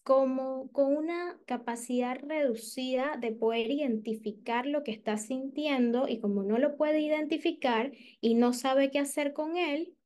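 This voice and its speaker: Woman therapist teaching a class, kinda high voice, says eh a lot, explains things patiently. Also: a little mellow. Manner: explanatory, acts out patients' inner voice in first person; frequent "eh" fillers. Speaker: clinical psychologist teaching a session. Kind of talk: clinical lecture.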